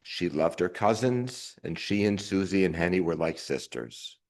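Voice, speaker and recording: A man's voice: low voice, expressive. A man in his sixties giving an emotional, wry eulogy for his mother at a funeral service. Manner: emotional, wry, measured delivery. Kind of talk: memorial eulogy.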